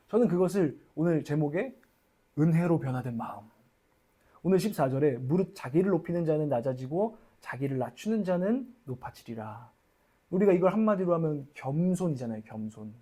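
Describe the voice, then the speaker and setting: A man's voice: fairly high pitch, mellow. A young man preaching a sermon as a church pastor, candid and confessional, acting out his own inner voice.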